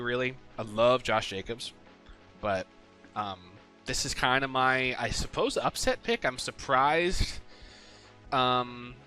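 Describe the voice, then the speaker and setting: A sports picks video host with a medium-pitched, bright, forceful voice talks casually through his weekly game picks. It's rambling solo commentary with lots of ums and some swearing.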